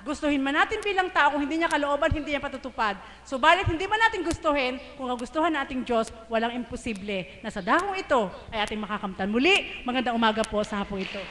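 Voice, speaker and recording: Bright, excited woman giving testimony. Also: high-pitched, fast talker, hardly any pauses, slight background noise. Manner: emotional, laughing often, calls out to the crowd. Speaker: church member giving testimony. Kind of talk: spoken testimony to a congregation. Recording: live stream in a reverberant hall.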